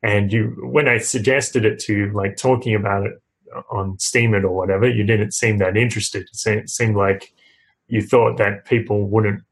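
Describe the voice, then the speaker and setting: A man's voice: fairly low pitch, fairly even intonation, moderate pace, low-quality recording. A man hosting a casual podcast interview, asking questions in an encouraging way with lots of small affirmations. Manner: encouraging, chuckles often, many back-channel hmms. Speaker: podcast host.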